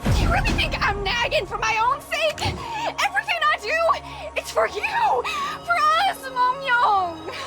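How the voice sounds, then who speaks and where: A shrill, nagging young wife. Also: female voice, sing-song, slow pace, heavily acted. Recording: game audio with clear music behind.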